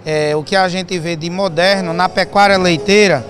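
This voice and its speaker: High-pitched man in an interview. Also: fairly even intonation, moderate pace, fairly bright tone, soft background music. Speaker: interviewed cattle farmer. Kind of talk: on-location interview. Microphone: handheld reporter's microphone.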